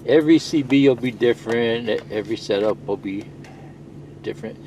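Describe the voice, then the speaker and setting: Over CB radio static hiss and hum, a man presents a CB radio how-to video on a clearly noisy recording. His medium-pitched, slightly mellow voice moves briskly as he gives an unscripted, folksy and reassuring demonstration, often checking in with little tags like "okay."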